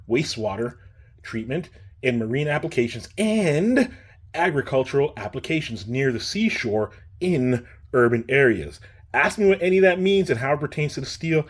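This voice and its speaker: A man's voice: mid-range voice, slightly rough. Laid-back chatty man reviewing a watch. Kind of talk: casual product review.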